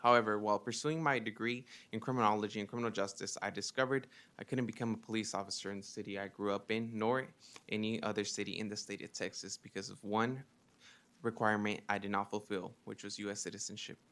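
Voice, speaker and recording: A man's voice: lowish voice, steady tone, fast, fairly bright tone. A young man in his twenties from Mexico, giving earnest prepared testimony to a legislative committee with frequent ums. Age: 20s. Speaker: witness testifying.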